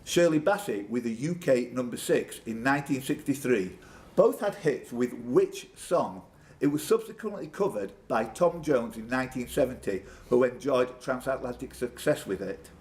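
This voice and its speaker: A man with a medium-pitched, animated, darkish voice hosts a live pub quiz at normal speed, reading questions and joking with players by name. Room ambience and noise are clearly audible in the live space.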